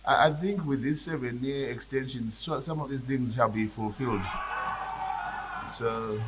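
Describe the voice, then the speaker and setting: A man's voice: mid-range voice, unhurried, over loud music, poor audio. A man with a Zimbabwean accent presiding over a parliamentary debate as its speaker, hesitating and repeating words.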